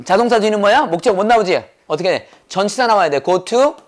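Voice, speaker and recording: Brisk Korean English teacher quizzing. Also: male voice, high-pitched, animated. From South Korea. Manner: quizzing with rapid rhetorical questions; brisk, repetitive drilling. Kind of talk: classroom lecture.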